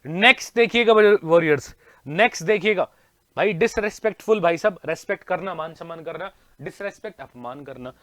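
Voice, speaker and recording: High-voiced energetic Indian man teaching. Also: fairly quick, dry recording. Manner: energetic, repeats questions to students, Hindi mixed with English words. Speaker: English vocabulary teacher. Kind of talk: online exam-prep class.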